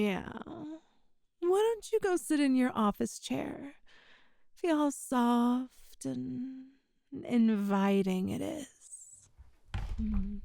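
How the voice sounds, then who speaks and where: In an intimate ASMR roleplay, a woman with a mellow, high voice plays a possessive boss, fully in character, flirting with the employee she adores in a coy, teasing, seductive way. She speaks slowly, lingering over her words with breathy pauses, recorded very close and dry with no echo.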